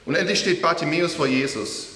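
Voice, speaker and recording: A man with a fairly high, bright voice delivers a sermon, telling the story with lively, slangy energy and speaking straight to his audience. He sounds roomy and reverberant, as if in a large hall, with faint hiss in the background. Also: brisk. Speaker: preacher.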